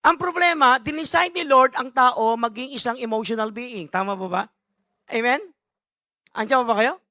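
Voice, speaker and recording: A man preaching as a bishop mixes Tagalog and English through his sermon, his very high, bright and forward voice recorded close and dry with no room sound. Speaking at normal speed, he emphatically leans on key words, fires rhetorical questions at the congregation, calls for amens and drops playful asides between points.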